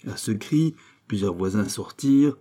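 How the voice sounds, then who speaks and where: Husky-voiced man reading a novel aloud. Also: fairly low pitch, expressive, measured pace, mellow. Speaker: audiobook narrator. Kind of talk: literary reading.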